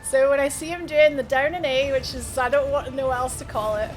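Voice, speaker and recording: A woman's voice: sits high, fairly even intonation, brisk. A woman with an Edinburgh Scottish accent giving casual, informal live gameplay commentary, thinking aloud and chatting with viewers. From Edinburgh, Scotland. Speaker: video game streamer. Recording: music behind the voice. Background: music.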